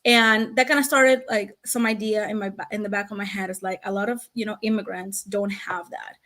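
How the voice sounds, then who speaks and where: Animated woman in her thirties, from Venezuela. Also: mid-range voice. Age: 30s. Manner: animated storyteller, quick and laughing often. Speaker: guest, founder of a language access business. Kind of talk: casual interview chat.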